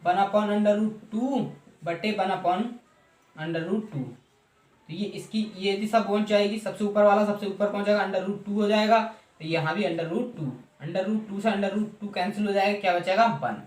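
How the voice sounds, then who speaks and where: A man's voice: sits high, steady tone, a little slow. A man teaching mathematics in Hindi, walking through a table step by step, asking questions and answering them himself. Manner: asks and answers his own questions, repeats steps. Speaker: math teacher. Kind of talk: classroom explanation of a trig table. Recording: echoey room.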